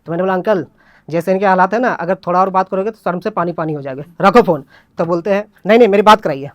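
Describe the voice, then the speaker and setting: A man's voice: high-pitched, quick pace, dry recording, clean studio sound. A young man at an open mic stage, telling a comic story and acting out his friends' voices as he goes. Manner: acts out friends' voices in a lively retelling. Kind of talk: stand-up storytelling.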